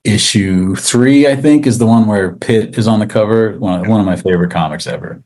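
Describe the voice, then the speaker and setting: A comic book writer being interviewed talks casually and rambles, full of filler words like "like" and "you know", with a wry, self-deprecating manner. His voice is lowish and a little mellow, at normal speed.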